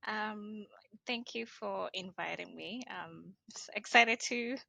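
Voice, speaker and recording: Young kenyan-born woman talking slow n unsure, lots of ums, bit of fry, dry sound. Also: medium pitch, pushed and bright, no echo. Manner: hesitant, many ums. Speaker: guest, social entrepreneur. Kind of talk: casual interview talk.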